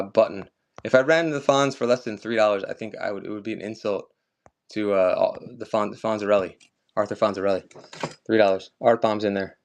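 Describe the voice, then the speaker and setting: A man running a live collectibles auction stream, chatting casually and upbeat with viewers as he sells items. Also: fairly low pitch.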